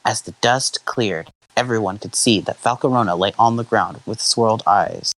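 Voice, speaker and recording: A man reading fanfiction aloud to friends, stumbling over words and jumping high for the characters' lines. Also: moderate pace. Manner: acts out shouted lines in a high voice, stumbles and laughs. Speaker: fanfiction reader and channel host.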